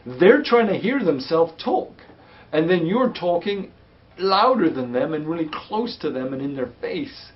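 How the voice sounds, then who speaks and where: A man's voice: on the high side, sing-song, a little slow, highs cut off. Patient man teaching parents. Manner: gentle, patient, explains with hands-on demonstrations. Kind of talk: webinar teaching and answering parent questions.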